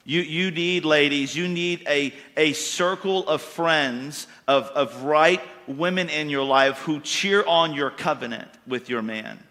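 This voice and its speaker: A man preaches to his congregation in a folksy, emphatic way, pressing his points and rising into louder bursts. His voice is bright and sits a little high. The sound rings with the long reverb of a church hall. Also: slow, hardly any pauses. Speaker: pastor. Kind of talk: sermon.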